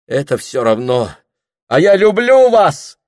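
A man's voice: lowish voice, moderate pace, no room sound, studio quality, close to an everyday voice. A man doing a gloomy, hollow-voiced drinker. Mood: pleading. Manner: hollow, dull, gloomy speech. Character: gloomy down-at-heel man, stammering and lovesick.

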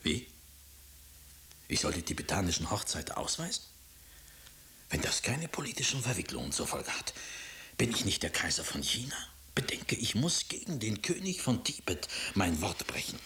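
A man's voice: deep voice, very animated, normal speed, sharp tone, full character voice. An actor playing a hot-tempered emperor and doting father, with theatrical swings of voice. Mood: indignant. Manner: theatrical, swings between stern and pleading. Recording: echoey room.

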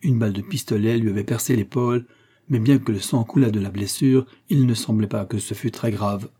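A man reading an old adventure novel aloud as narrator, in a steady, measured way. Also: on the low side, breathy edge.

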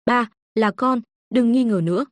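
A woman's voice: fairly high pitch, moderate pace, no room sound, close to an everyday voice. A woman narrator voicing the reanimated corpse of a young woman who speaks in an eager, pleading way.

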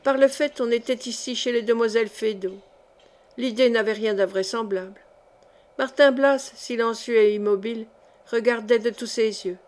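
A woman reading a historical novel aloud as an audiobook narrator, with even, clear storytelling. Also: on the high side, normal speed. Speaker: audiobook reader.

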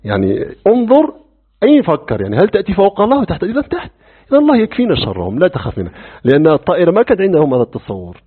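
Man, religious lecture, fast lively delivery, husky voice, phone-like recording. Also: high-pitched. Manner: animated, asks rhetorical questions, acts out dialogues. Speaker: religious teacher. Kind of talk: lecture on creed.

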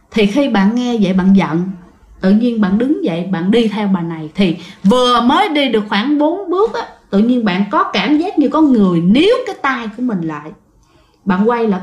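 A woman tells a ghost story to her listeners in a vivid, direct manner. Her voice sits high for a woman. The recording is roomy with a noticeable echo. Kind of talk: spoken ghost story narration.

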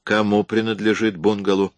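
A cold, powerful boss who gives terse, commanding questions and orders, read by a man. His voice is low and dark, and the recording is dry and close. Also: flat delivery, moderate pace, no room sound, lightly acted. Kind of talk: audiobook reading.

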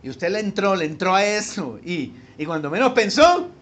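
Male pastor, high voice, sermon delivery; wide dynamic swings, asks the room questions. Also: sing-song, moderate pace. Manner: swings between hushed low asides and loud emphatic peaks; addresses listeners directly with rhetorical questions.

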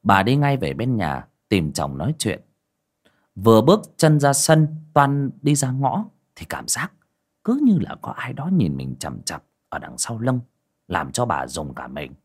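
A man narrating a horror story in a dramatic, expressive way. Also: lowish voice, a little slow, husky.

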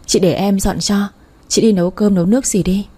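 A woman's voice: medium pitch, fairly even intonation, brisk, warm tone, breathy edge, natural voice. A woman voicing a fierce, outspoken young woman who scolds and protects her family, speaking sharply. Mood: firm caring.

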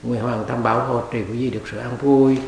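A man's voice: mid-range voice, steady tone, a little fast, dull audio, a little hiss or hum. A man, a monk, giving a dharma talk at a retreat, telling a story and acting out its characters in dialogue. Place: meditation hall. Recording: echoey hall.

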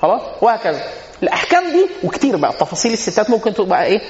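A man's voice: sits high, very animated, rapid-fire, slight background noise. A man with an Egyptian accent giving an informal religious lesson, telling humorous anecdotes and posing rhetorical questions that he answers himself. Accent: Egyptian Arabic. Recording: echoey hall, dull lo-fi sound.

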